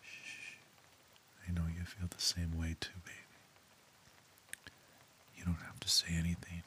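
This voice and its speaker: A man speaking in a soft, tender, intimate whisper as if close to the listener's ear, in an ASMR roleplay. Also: low voice, completely flat delivery, a little slow.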